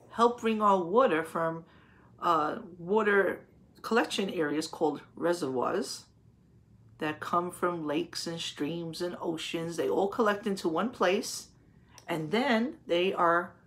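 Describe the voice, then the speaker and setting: A mid-range female voice belongs to a teacher reading a picture book aloud for young children, explaining as she reads and pausing to pose questions and confirm responses.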